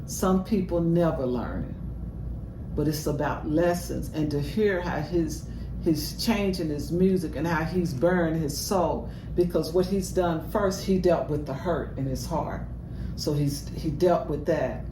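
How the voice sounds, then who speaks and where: A woman's voice: deep voice, unhurried. An older woman giving earnest, reflective commentary and life advice in a casual reaction video. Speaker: reaction show co-host. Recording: roomy, distant mic with heavy noise.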